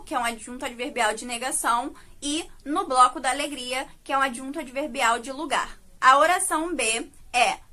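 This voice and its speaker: A woman's voice: high-pitched, bright, forceful tone. A woman teacher giving a recorded video lesson, explaining patiently with frequent tag questions. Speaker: Portuguese teacher.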